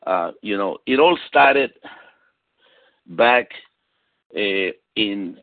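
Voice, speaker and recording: Speaking very slowly in a fairly low, lively voice, a man with a Latin American Spanish accent gives an emphatic motivational business talk, repeating key phrases for weight. He's a motivational sales speaker and executive consultant from South America and Puerto Rico, heard over a phone conference call with tinny, narrow line sound and no echo.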